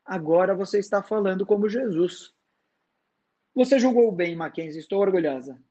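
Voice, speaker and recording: A wise, serene woman, read by a man with a high voice in a dramatized book reading. She speaks softly and slowly but never gives ground. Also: muffled recording. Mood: soft, tender. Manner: soft, slow and firm. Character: calm wise woman, gentle and insistent.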